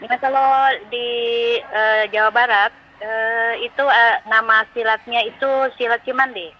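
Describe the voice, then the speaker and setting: A woman calling in to a radio show by phone, talking in halting bursts with many fillers. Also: a little high, steady tone. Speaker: caller. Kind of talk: casual chat by phone. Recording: dull lo-fi phone line.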